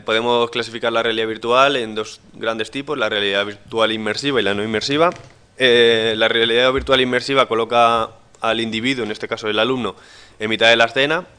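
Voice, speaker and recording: A man's voice: mid-range voice, bright, forceful tone, clear, resonant tone. A man giving a conference talk from slides to an audience, hesitant, with many restarts and fillers. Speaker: conference speaker.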